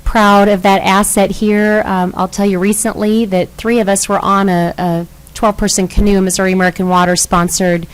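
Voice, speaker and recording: A middle-aged woman chairing a city council meeting, speaking in a gracious, measured, welcoming way. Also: medium pitch, flat delivery, clear, resonant tone, rough recording.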